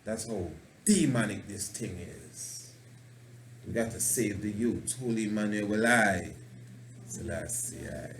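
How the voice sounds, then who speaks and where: A priest hosts a radio talk show, preaching passionately and ramblingly with a fondness for wordplay. His voice sits on the low side, with lively intonation and a measured pace. The recording has a roomy echo and slight background noise.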